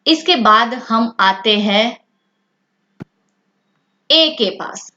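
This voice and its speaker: A woman's voice: fairly high pitch, lively intonation, extremely slow, bright, forceful tone. A woman teaching a language lesson to children, asking questions and then answering them herself. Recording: dull lo-fi sound.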